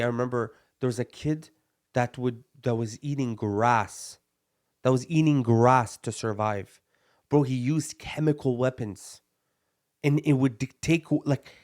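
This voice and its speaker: A young Palestinian man co-hosting a podcast argues bluntly and emphatically in a heated discussion, sprinkling in "bro" and Arabic phrases. His voice sits at medium pitch with a slightly mellow quality.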